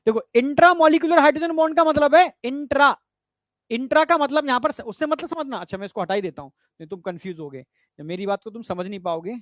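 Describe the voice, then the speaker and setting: A man's voice: extremely high pitch, fast talker, fairly bright tone, no echo, clean studio sound. A man teaching a biology exam-prep lecture in a chatty way, often checking whether students follow. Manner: chatty, repeats "theek hai" often, asks students if they follow. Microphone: lapel mic.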